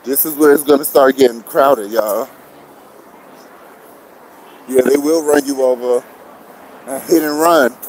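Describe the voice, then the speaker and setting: Out of breath and sweaty, a vlogger walks a busy city street while livestreaming on a phone camera he holds or wears, chatting casually, greeting viewers, and begging for shares. His mid-range, darkish voice is a little slow with frequent pauses. Traffic and city bustle fill the background, and the recording quality is low.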